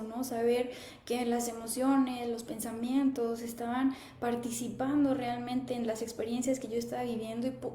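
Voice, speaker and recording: A woman in her thirties hosting a live stream, chatting casually and reading viewer comments aloud in a warm, conversational way. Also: on the high side, slight background noise. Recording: echoey room.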